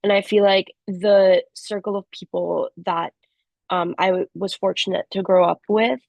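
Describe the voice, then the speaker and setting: A young woman who grew up in the Philippines, answering as a panelist in a casual, halting way with many fillers. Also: medium pitch, fairly even intonation, vocal fry, darkish tone, no echo. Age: young adult. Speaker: panelist, recent graduate.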